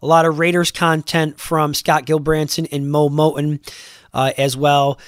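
Congested high-voiced male podcast host. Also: little pitch movement, unhurried, no room sound, clean studio sound. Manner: loose and chatty, frequent fillers and restarts. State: congested, under the weather. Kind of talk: casual podcast talk.

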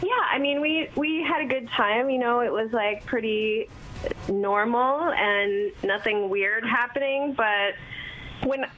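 A woman's voice: fairly high pitch, takes it slowly, a bit bright, soft background music. A woman on a phone call to a radio show, chatting candidly and telling her story. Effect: heard over the phone. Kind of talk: casual chat. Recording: muffled phone line with faint hiss.

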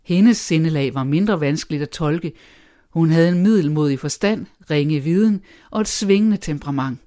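Brief: calm, steady reader of classic literary fiction, mid-range voice, clean and even. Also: mid-range voice. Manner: measured, even reading. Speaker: audiobook narrator. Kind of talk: scripted literary narration.

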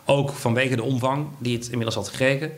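A man talks fast as an interviewed entrepreneur. His sentences stop and restart, packed with fillers. His pitch sits in the middle range. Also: steady tone. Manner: fast, halting speech with many fillers and restarts. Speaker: entrepreneur guest. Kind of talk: conversational interview.

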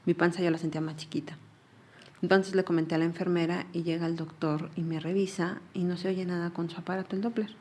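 A woman's voice: on the low side, level tone, fast talker, darkish tone, slight background noise. A young woman with a Mexican accent giving personal testimony in an interview, earnestly retelling events and often repeating herself.

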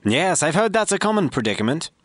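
A man hosts a scripted comedy radio show with deadpan, mock-formal announcing. His pitch sits a little high and swings widely, rising and falling through every sentence. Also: fast, dry recording. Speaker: host.

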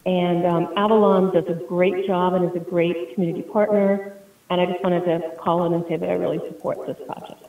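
A woman calling in by phone to give public comment at a city meeting, talking earnestly and upbeat with frequent pauses. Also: on the low side, level tone. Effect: phone-in caller heard over a phone line. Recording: tinny phone line, echoey and distant.

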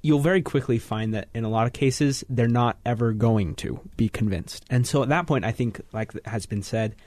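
Teen boy panelist, measured and explanatory, mid-pitched, dry studio sound. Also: darkish tone, dry recording. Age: teens. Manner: measured, explanatory, frequent ums. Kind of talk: thoughtful radio panel talk. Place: radio studio.

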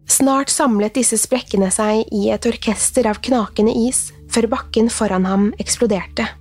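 Breathy woman narrating a horror tale. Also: fairly high pitch, darkish tone, no echo.

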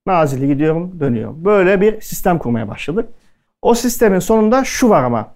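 A very animated man with a high, slightly mellow voice tells anecdotes at a quick pace to an audience at a culinary event. His storytelling is chatty, and he acts out what the characters said.

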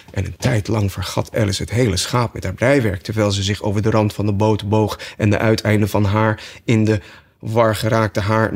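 A man reads a children's classic aloud in a calm, measured way. His voice sits on the low side. It is steady, unhurried audiobook narration. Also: vocal fry.

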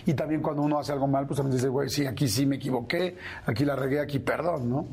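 A man's voice: medium pitch, quick pace, darkish tone, breathy edge. A man with a Mexican accent hosting a radio show and interviewing in a conversational way.

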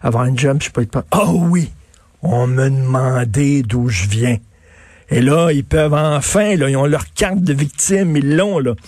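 A man's voice: medium pitch, moderate pace, a little mellow, no room sound. A man with a Québécois French accent hosting a talk radio show, ranting emphatically and scornfully, with mocking put-on asides. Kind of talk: opinionated talk-radio monologue.

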